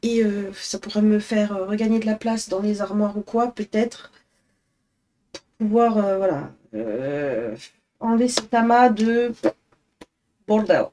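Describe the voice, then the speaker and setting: A woman's voice: medium pitch, lively intonation, unhurried, long pauses, dark tone, a little hiss or hum. A young woman from northern France chatting at home in a casual vlog, rambling and hesitant with many fillers. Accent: northern French. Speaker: vlogger. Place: apartment at home.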